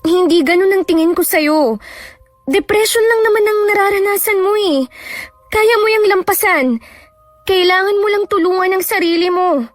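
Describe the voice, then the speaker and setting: A woman's voice: extremely high pitch, moderate pace, no room sound, voice pushed up. A woman voicing a frightened teenage younger sister who pleads and worries over her older sister. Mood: worried.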